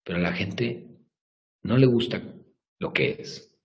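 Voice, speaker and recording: A man's voice: lowish voice, slow pace. Profane, blunt Mexican man ranting. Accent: Mexican Spanish. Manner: profane, blunt, shifts from hushed to shouting. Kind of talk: motivational rant to camera.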